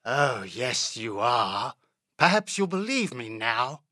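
A man voicing a tall, lean male sable assassin who speaks in a quiet, icy, hissing way. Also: mid-range voice, big pitch swings, takes it slowly, dry recording, pitched above the performer's own voice, full character voice. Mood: icy menace.

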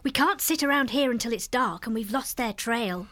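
A man's voice: very high-pitched, normal speed, bright, forceful tone, no echo, voice pushed up. A man voicing a bossy young female mouse who scolds sharply. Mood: impatient.

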